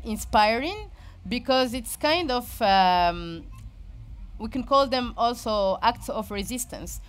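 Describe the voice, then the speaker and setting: Woman, Moroccan accent, informal presenter; hesitant delivery that keeps circling back to find the right word. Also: a little high. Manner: halting, searching for words, frequent repetition. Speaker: speaker giving a talk.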